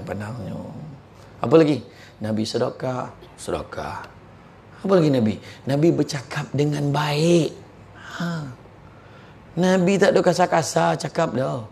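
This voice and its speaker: A man giving a live motivational talk, telling religious stories and anecdotes in an animated, colloquial and joking way. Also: mid-range voice, vocal fry. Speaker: motivational speaker.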